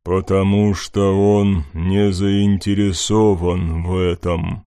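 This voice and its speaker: An ancient god of darkness speaks from the shadows in a deep, thunderous drawl. Every word comes slow and weighty, dark and mellow in tone. The sound is close and dry, like an audiobook studio. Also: male voice, level tone, clear, resonant tone, no room sound. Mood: ominous. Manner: slow, measured pronouncements. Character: ancient male god of darkness, looming, cold. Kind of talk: audiobook character voice.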